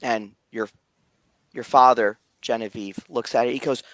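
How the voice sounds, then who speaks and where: A man narrating a tabletop game as game master, halting and repeating words as he goes. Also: medium pitch, fairly even intonation, a bit bright, no echo.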